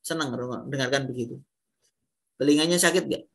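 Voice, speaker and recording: A man's voice: medium pitch, a little fast, fairly bright tone. A man giving a classroom lecture on singing, explaining step by step and posing rhetorical questions to his students. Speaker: music lecturer.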